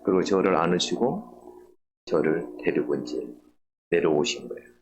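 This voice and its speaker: A middle-aged man preaching a sermon, telling a personal story earnestly and rising higher and louder to stress key points. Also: sing-song, moderate pace, noisy background. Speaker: pastor. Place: church sanctuary.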